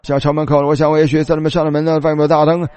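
Mellow preaching man with filler-laden storytelling. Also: a little high, little pitch movement, rapid-fire. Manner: recounting a story with many filler words. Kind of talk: sermon storytelling.

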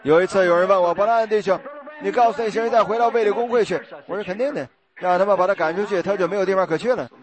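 A man's voice: high-pitched, a crowd in the background. A man preaching a sermon, putting questions to his congregation and answering them himself. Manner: sings hymn lines slowly.

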